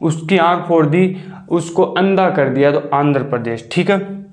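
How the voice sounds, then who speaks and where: A man with a high voice teaches a lesson, asking a question and then answering it himself. He stretches out the key words so they stick. The room around him is echoey. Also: measured pace. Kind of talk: classroom mnemonic lesson.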